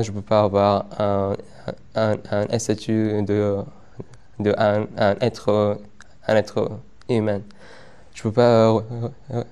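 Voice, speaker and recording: A man's voice: lowish voice, warm tone, clear, resonant tone. Stuttering young man. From Afghanistan. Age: young adult. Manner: stutters, many repeated words and pauses. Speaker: interviewee. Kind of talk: testimony interview.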